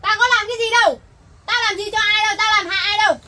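A woman playing a shrill, defiant older woman. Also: steady tone, rapid-fire, heavy background noise. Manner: defiant, rude and argumentative. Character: stubborn, combative older woman, shouting at police. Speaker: actor in a family skit.

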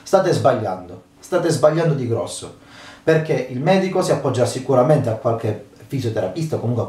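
A man's voice: medium pitch, a little mellow, distant mic. A man hosting a fitness channel, talking casually to camera in an emphatic way and often checking that his listeners follow. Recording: echoey room, voice away from mic.

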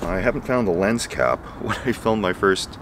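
A man's voice: on the low side, lively intonation, normal speed, noisy background. A man in his forties filming a casual camping vlog outdoors in the woods, talking to a nearby camera with dry, wry asides. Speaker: camping vlogger. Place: woods at night and morning, outdoors.

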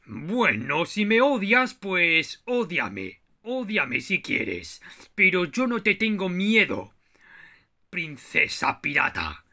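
Gravelly, bright-voiced man in a parody dub. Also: high-pitched, huge pitch swings, takes it slowly. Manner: swaggering, taunting and crude. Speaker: fan dubber voicing pirates.

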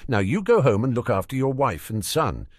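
A man doing a sly, smooth-talking false friend. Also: mid-range voice, sing-song, normal speed, no echo. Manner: smooth, reassuring.

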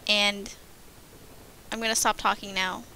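A woman's voice: mid-range voice, little pitch movement, measured pace, sharp tone. A young woman giving casual gameplay commentary, rambling with lots of fillers and stumbling over her words, tired from lack of sleep. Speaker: gaming commentator. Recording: noisy home recording.

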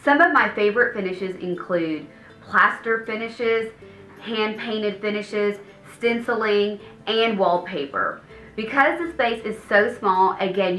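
A woman in her thirties hosts a home design video with a polished, upbeat scripted presentation to camera. Her mid-range voice is bright and forceful. She stands on an indoor studio set with a paneled wall, and the audio has a roomy echo and faint background music.

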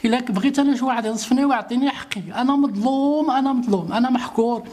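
A man's voice: very high-pitched, very fast, darkish tone. A man with a Moroccan Arabic accent, a citizen pleading for help in a street interview and repeating his grievances insistently.

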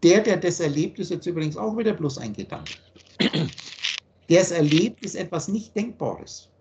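A man giving an earnest philosophical teaching monologue on a video call, slowing down to stress key points. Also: fairly high pitch, big pitch swings, highs cut off, background noise. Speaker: spiritual teacher.

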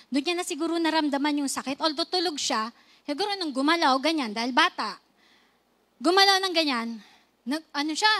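A woman's voice: sits high, a bit bright. A young Filipino woman in a church, telling a personal testimony in a chatty, playful way to the congregation. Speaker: church speaker sharing testimony. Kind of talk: Taglish sermon testimony. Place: church sanctuary.

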